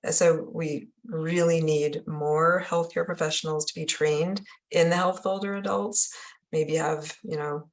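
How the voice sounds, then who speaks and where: A woman program manager giving a webinar presentation in a steady, informative way with occasional fillers. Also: deep voice, a little slow.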